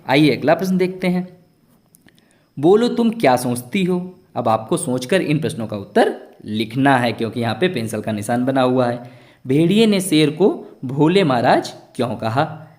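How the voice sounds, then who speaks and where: Male tutor, very animated pitch, reads questions aloud, then explains them patiently. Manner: asks the pupils questions and answers them himself. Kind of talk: step-by-step school lesson.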